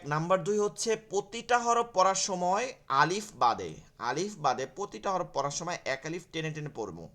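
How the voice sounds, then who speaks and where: Male teacher, fairly high voice, patient step-by-step lecturing for an online class. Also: a bit bright. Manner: explanatory, repeats key terms, asks and answers own questions. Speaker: Quran teacher.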